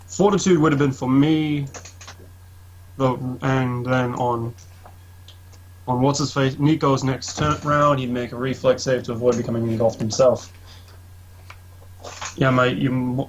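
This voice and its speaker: A man of ordinary pitch sits in on a tabletop game, reading rules aloud and swearing easily as he goes. His mic sounds slightly dull and lo-fi, with a faint hiss underneath. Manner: swears casually, talks through rules aloud. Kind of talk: casual tabletop game chat.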